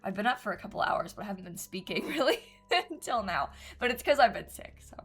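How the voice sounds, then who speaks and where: A young woman with a cold live-streams a building game at home, thinking out loud with plenty of ums and giggles. Her medium-pitched voice is expressive, fast, slightly bright and a little rough, over faint background music.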